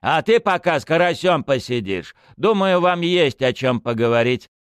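A gruff, commanding male police chief, as a man reading a story puts him on. He snaps short orders in a raised, lively voice, recorded close and dry. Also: fairly high pitch, moderate pace, dry recording, pitched above the performer's own voice. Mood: stern. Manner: curt, commanding.

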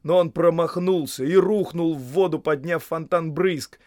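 A man narrating a fantasy audiobook in a measured, steady storytelling manner. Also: a little high, no room sound, studio quality.

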